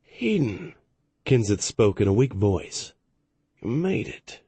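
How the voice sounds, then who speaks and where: A man reading an audiobook, voicing a gravely burned, dying old male fleet admiral in a weak, fading whisper. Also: on the low side, moderate pace, warm tone, no echo. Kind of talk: audiobook narration.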